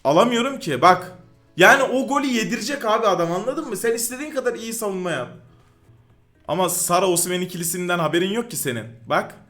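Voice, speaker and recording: A man giving live commentary over his own football video game match, excitable and quick to yell in frustration at the game. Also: high-pitched, soft background music. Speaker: gaming YouTuber.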